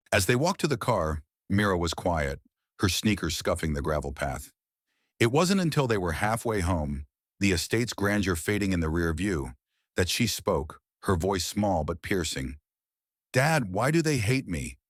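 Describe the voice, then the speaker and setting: Deep-voiced male story narrator. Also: no room sound, studio quality. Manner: measured, dramatic storytelling. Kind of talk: scripted narration.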